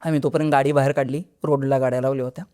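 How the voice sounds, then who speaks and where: A man's voice: mid-range voice, flat delivery, racing, mellow, clear, resonant tone. A man, a podcast guest, telling a first-person horror story in a conversational way, with restarts, acting out what people said. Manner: vivid, acts out dialogue.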